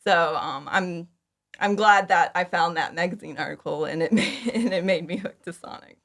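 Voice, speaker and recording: She speaks at a normal pace in a low-side voice with vocal fry and a fairly bright tone. As a podcast guest, this woman in her thirties, a fan audio drama creator, chats casually through interview answers, giggly, informal and enthusiastic.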